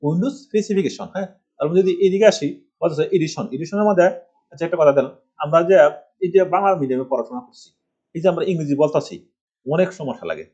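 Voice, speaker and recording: Middle-aged guy from bangladesh rattling thru a computer lesson, super quick, kinda husky, dull lo-fi sound. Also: a little high, a little mellow. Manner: rambling, asks rhetorical questions. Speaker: computer course instructor. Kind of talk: screen-recorded computer tutorial. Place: village home.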